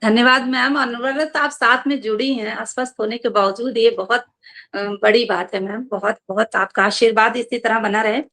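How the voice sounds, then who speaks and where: A woman reciting and singing her own poems in slow, drawn-out lines, speaking formally and respectfully between them. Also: a little high, fairly even intonation, pushed and bright. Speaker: poet performing own verse. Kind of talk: sung poetry recital.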